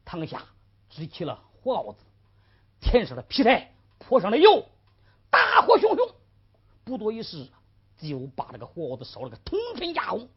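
A woman's voice: mid-range voice, huge pitch swings, normal speed, long pauses, slightly rough. A woman storyteller narrating vividly and addressing the audience directly, on a lo-fi old recording. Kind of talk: traditional storytelling.

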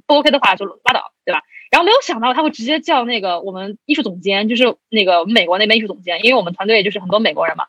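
A woman's voice: fairly high pitch, slightly rough, no room sound. A young woman in her twenties, a podcast guest, casually telling a story and acting out the people in it, often laughing as she talks. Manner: lively storyteller who acts out both sides of conversations and laughs often.

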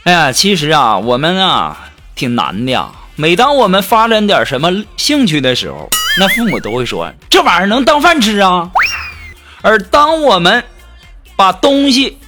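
A man delivers a comic joke monologue in a high voice. His pitch leaps and dips wildly as he stretches out each setup. Music plays clearly behind him. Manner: animated, drawn-out storytelling with dramatic pauses. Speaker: comic storyteller.

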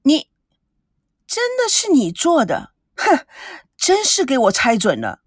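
A woman's voice: sits high, huge pitch swings, takes it slowly, no echo, studio quality, voice pushed up, exaggerated voice. A woman voicing a spoiled, angry young woman who scolds and interrogates sharply in an audiobook. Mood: scolding. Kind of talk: audiobook character reading.

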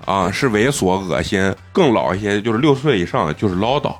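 A man's voice: on the low side, lively intonation, fairly quick, soft background music. A man in a casual group chat, cracking jokes and adding quips. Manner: joking quips and backchannel. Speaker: podcast co-host.

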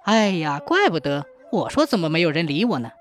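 A woman voicing a whiny, craving middle-aged opium addict who calls out loudly and pleads. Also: low voice, big pitch swings, brisk, soft background music, pitched below the performer's own voice. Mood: pleading. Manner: loud, pleading outbursts.

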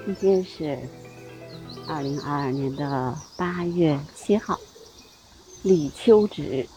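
A woman hosting a relaxed talk on seasonal customs, chatty, with many fillers and small laughs. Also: sits low, slow, soft background music. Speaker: host.

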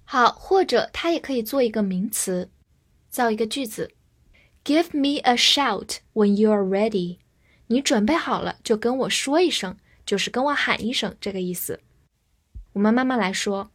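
A woman teaching English vocabulary in a structured lesson, spelling words letter by letter and reading example sentences slowly for learners to repeat. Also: on the high side, lively intonation. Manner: clear, deliberate, spells words letter by letter and reads slowly for repetition.

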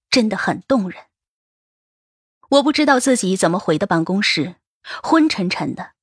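A woman's voice: a little high, slightly rough, dry recording, clean studio sound. A woman narrating a first-person novel as an audiobook, in a wistful, emotive storytelling manner.

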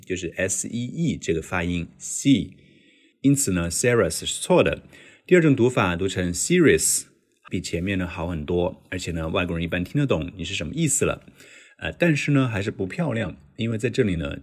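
A man hosting a podcast lesson on English pronunciation, explaining step by step and repeating words slowly to demonstrate. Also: sits low, breathy edge.

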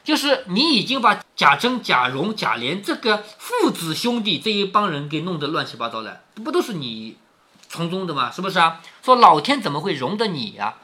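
A man's voice: sits high, big pitch swings, moderate pace, bright, forceful tone. A man reading a classic novel aloud to his daughter, explaining each passage in chatty plain words and asking her questions as he goes. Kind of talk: storytelling with explanations.

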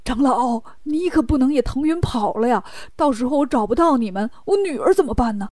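A woman's voice: sits high, animated, a little fast, a little mellow, dry recording, clean studio sound. A woman voicing a worried, fussy human king in a children's storybook telling, pleading and easily startled. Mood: anxious.

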